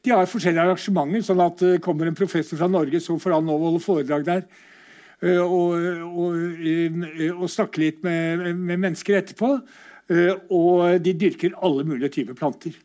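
A man's voice: sits high, steady tone, dark tone. A middle-aged Norwegian man giving a casual, conversational lecture over slides, often asking rhetorical questions.

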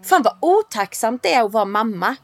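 A pregnant woman in her thirties co-hosting a casual podcast, telling stories in an animated way, acting out what people said and swearing casually. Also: on the high side, dry recording. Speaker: podcast co-host.

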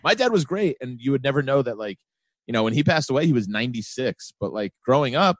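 Man, forties, podcast guest, casual chat, easygoing, joking, rambling, varied pitch. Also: very animated, quick pace, dry recording. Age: 40s.

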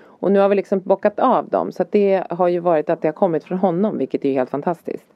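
A woman with a fairly low voice and a Swedish accent, a mother co-hosting a podcast, tells family stories in casual chat. She animatedly acts out lines from her son and herself, in slightly dull, dry podcast audio without room sound.

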